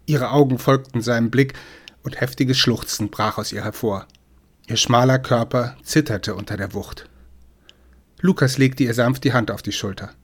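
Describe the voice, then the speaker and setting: A man reads an audiobook aloud in a measured, expressive style. His pitch is medium, and the delivery is scripted narration.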